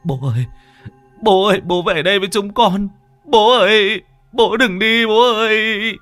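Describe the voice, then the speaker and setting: A man's voice: high voice, measured pace, a bit bright, no echo, faint music behind, voice pushed up. A man voicing a grown son who cries and pleads with his dead father's ghost. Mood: tearful pleading. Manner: tearful pleading.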